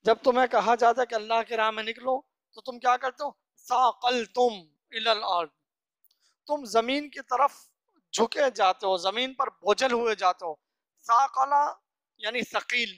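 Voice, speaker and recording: A religious teacher giving a scripture lesson, slowly reciting each phrase and then explaining it piece by piece, often asking and answering their own questions. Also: mid-range voice, a bit bright, no echo, studio quality. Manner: earnest, instructive, asks and answers own questions.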